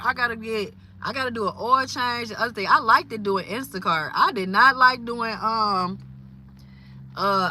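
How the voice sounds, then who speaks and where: A woman, talking casually about faith on a livestream, lively and quick to exclaim. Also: mid-range voice, a little hiss or hum. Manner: lively, exclaims and laughs often. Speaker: live streamer.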